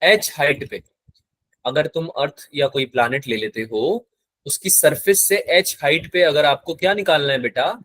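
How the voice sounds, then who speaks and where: A man's voice: on the high side, measured pace, a bit bright, no room sound. A male physics teacher giving a live lecture in Hindi mixed with terms, often asking the class check questions. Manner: mixes English terms into Hindi.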